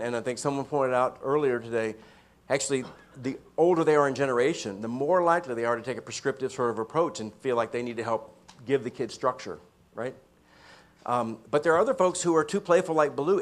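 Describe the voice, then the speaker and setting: A man presenting a mentoring workshop, talking conversationally to a live audience and often checking in with "right?". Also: medium pitch.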